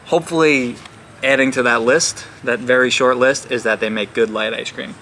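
Man, young adult, bright tense voice, chatty self-deprecating food vlog, outdoors with faint background noise. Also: mid-range voice, steady tone, normal speed. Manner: chatty, self-deprecating, stumbles over foreign names. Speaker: food reviewer. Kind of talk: casual vlog review.

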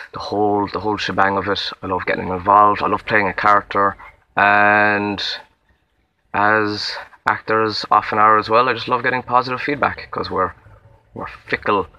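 A man's voice: lowish voice, sharp tone, lo-fi sound. A young man with a Limerick Irish accent, recording a casual self-introduction audition outdoors in a wood, rambling and self-deprecating with many fillers and restarts. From Limerick, Ireland. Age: young adult. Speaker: acting auditionee.

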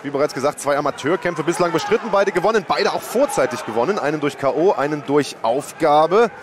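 A man's voice: on the high side, lively intonation, brisk. A man leading live fight commentary in an informative way, stretching key words. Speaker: lead commentator. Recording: loud arena crowd noise behind.

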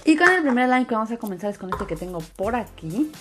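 A woman's voice: on the high side, very animated, quick pace. A woman giving a casual step-by-step craft voice-over, repeating words for emphasis. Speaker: host of a slime craft channel. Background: background music.

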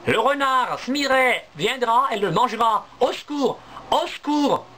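A man voicing frightened baby squirrels crying for help in a shrill, pleading way. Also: expressive, a little slow, sharp tone, heavily acted. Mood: panicked.

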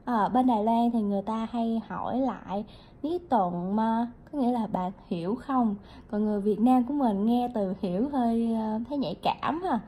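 Slow, breathy woman teaching vocabulary. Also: a little high, darkish tone. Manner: patient, repeats each word slowly, adds "ha" and "nha". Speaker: Chinese language teacher. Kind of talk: vocabulary lesson.

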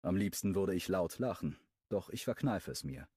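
A man narrating a romance audiobook in first person, telling the story in a lively way. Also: low-pitched, normal speed, breathy edge, no room sound, studio quality. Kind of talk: scripted narration.

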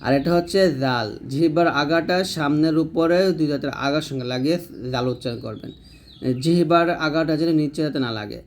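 A man teaching Arabic letter pronunciation, patiently repeating each sound slowly for learners to copy. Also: a little high, a little hiss or hum. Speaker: Quran reading teacher. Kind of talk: step-by-step pronunciation lesson.

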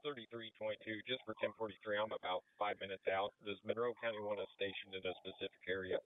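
A man, a responding officer, speaking over police radio in a flat, businesslike way. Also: lowish voice, quick pace, no echo. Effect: police radio transmission. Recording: tinny, dry scanner radio.

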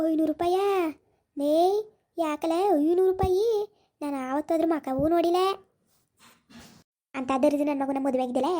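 A woman doing a fierce village mother in a comedy skit, high-pitched and rattling off scoldings at speed. Her voice is dark in tone and full of sharp rebukes. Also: close to an everyday voice. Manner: scolding, shouting insults, rapid-fire.

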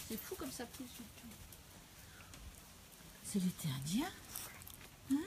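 A woman talking casually on a live home video, coaxing and scolding her dogs in an animated way. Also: fairly high pitch, takes it slowly, a little hiss or hum. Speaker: dog owner streaming live. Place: at home, indoors.

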